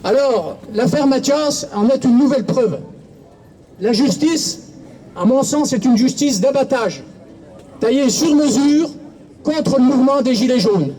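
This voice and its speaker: A man's voice: extremely high pitch, expressive, unhurried, warm tone, slight background noise. A man speaking at an outdoor protest rally, orating formally and quoting writers. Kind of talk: speech at a street rally.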